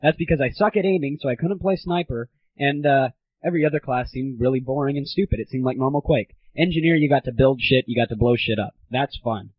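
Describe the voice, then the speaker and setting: A young man with a mid-range, slightly breathy voice talks fast while hosting a gaming audio show, giving casual, opinionated reviews in an irreverent, slangy manner. It's a slightly dull, lo-fi home recording.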